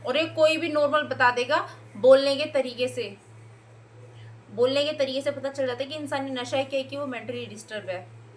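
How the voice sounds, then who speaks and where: A young woman with a high, bright voice tears into her online rivals in a heated reaction video. She scolds and jeers, and she mimics the people she mocks with sarcastic edge. A faint hiss of noise sits under her voice. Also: normal speed. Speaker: YouTube reaction commentator.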